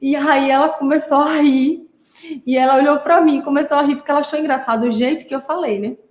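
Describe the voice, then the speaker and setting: A woman's voice: sits high, steady tone, fast talker, reverberant. A woman from Brazil, a therapist hosting a podcast, talking casually and telling stories with many fillers. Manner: chatty, storytelling, many fillers like "né". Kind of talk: casual monologue.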